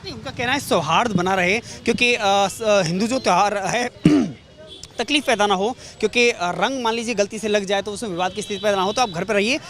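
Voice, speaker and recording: Fast-talking high-voiced male reporter. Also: fairly bright tone. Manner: probing, rephrases and repeats questions. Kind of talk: street interview questioning.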